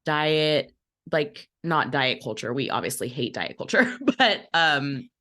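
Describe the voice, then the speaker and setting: A young woman, an operations manager and co-host, chats casually in an upbeat way, sprinkling in lots of "like" and sounding a little sick. Her voice sits low and bright, expressive and forceful, at a slow pace.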